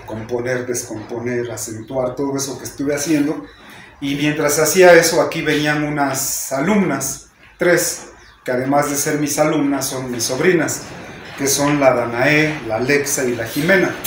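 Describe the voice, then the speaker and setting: A man's voice: mid-range voice, reverberant, noisy background. A man with a Mexican accent teaching a class, explaining patiently and often ending sentences with a questioning "¿no?". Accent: Mexican Spanish. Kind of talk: lecture to a class.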